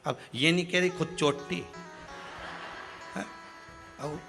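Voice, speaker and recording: Bright-voiced man preaching in an echoing hall. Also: fairly high pitch, slow pace. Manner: storytelling, rising to emphatic outbursts. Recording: echoey hall with music behind.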